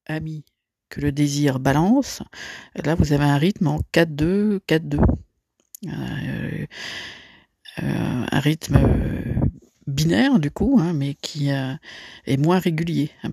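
A man teaching a literature lesson, slightly high-pitched and gravelly, stopping and restarting often as he explains. The sound is dry and close, with no room echo. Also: a little mellow. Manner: hesitant, many fillers and restarts, explanatory. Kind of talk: recorded lesson correction for students.

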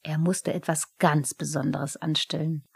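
A woman reading a children's story aloud with a lively, expressive delivery. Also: low-pitched, a little slow, gravelly, husky, dry recording, clean studio sound. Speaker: narrator. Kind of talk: storybook narration.

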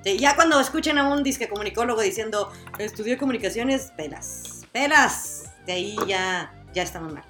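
A woman's voice: mid-range voice, animated, fast talker, few pauses, a bit bright, faint music behind. A woman in her forties with a northern Mexican accent, co-hosting a casual chat, playful and teasing. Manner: playful, teasing, laughs often. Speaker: podcast co-host.

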